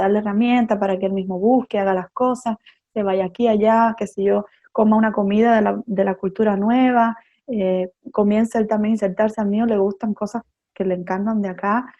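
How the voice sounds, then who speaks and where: A woman psychotherapist explains her ideas patiently, step by step, and backs each point with everyday examples. Her voice is mellow and warm. The audio sounds slightly dull and lo-fi. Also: mid-range voice. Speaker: psychotherapist guest. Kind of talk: expert explanation in an interview.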